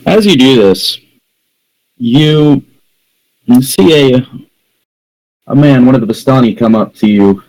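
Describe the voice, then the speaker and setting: A man's voice: medium pitch, slow pace, long pauses, a little mellow, low-quality recording. Guy running a tabletop game, rambly, keeps restarting his sentences. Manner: rambling, many fillers and restarts. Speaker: game master.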